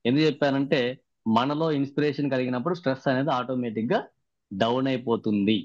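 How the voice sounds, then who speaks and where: Over a video call, a workshop trainer recaps the sessions and keeps putting questions to participants. He speaks fast in a medium-pitched, steady, slightly mellow voice. The video-call audio is dry and muffled, with no room sound.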